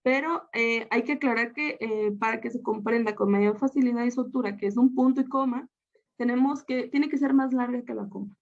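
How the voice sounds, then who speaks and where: A woman's voice: on the high side, fairly quick, vocal fry. A woman from Guatemala, a student teacher, talking through a lesson over slides in an explanatory way, with frequent fillers and restarts. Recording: slightly dull, lo-fi audio.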